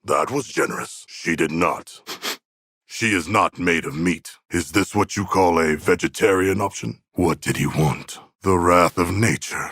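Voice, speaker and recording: An actor playing a huge, proud but earnest and anxious shark demigod in a video game, speaking in formal, stilted, literal-minded phrases. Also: male voice, low voice, measured pace, fairly bright tone, no room sound, clean studio sound, heavily acted. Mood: solemn, earnest. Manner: formal, stilted, solemn phrasing with few contractions. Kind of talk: video game character dialogue.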